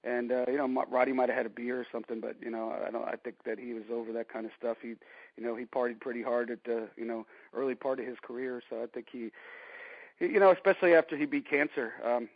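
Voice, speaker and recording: Fast-talking man in his forties, rambling. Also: medium pitch, steady tone, no room sound. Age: 40s. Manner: rambling storyteller, many "you know" fillers. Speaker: interview guest. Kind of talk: casual phone interview. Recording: dry, dull lo-fi line.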